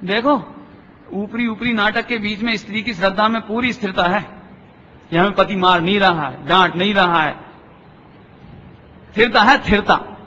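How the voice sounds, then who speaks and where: A man's voice: high voice, moderate pace, long pauses, pushed and bright. A man giving a religious discourse, telling parables and asking the audience again and again whether they have understood. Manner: storytelling, checks understanding with rhetorical questions; acts out voices in anecdotes. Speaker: Jain scholar giving a discourse. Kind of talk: sermon with parables. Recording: dull, echoey lecture hall.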